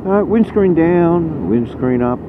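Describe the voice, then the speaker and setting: A man's voice: a little high, lively intonation, a little slow. An Australian man giving a casual, rambling, blunt running commentary, his voice muffled inside a helmet as he rides a motorcycle. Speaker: motorcycle vlogger. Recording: muffled narrow-band helmet audio, loud road noise. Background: loud engine, wind and road noise.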